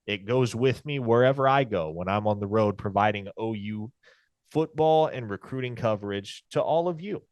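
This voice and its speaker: On the low side and a little mellow, a man's voice comes through a dry, muffled recording at normal speed. As a sports podcast co-host, he chats casually and reads ads in a dry, wry, articulate style.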